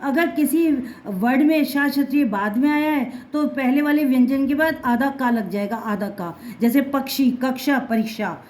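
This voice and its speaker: A woman's voice: sits high, normal speed, hardly any pauses, darkish tone, a little hiss or hum. A woman teaching Hindi letters to children, patiently repeating each sound and mixing in words.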